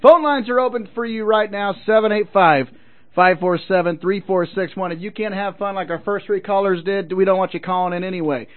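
A high-voiced man hosts a live sports call-in show. He talks in a casual, folksy, encouraging style and likes to repeat a phrase. The audio is narrow and phone-like. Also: fairly even intonation, fairly quick.

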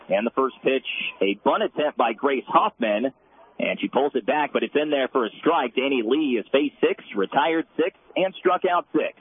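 A man giving brisk, stat-heavy play-by-play of a softball game, heard as a loud, dense radio broadcast. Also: on the high side. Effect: loud dense radio broadcast sound. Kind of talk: live softball commentary. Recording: narrow tinny radio band, faint hiss.

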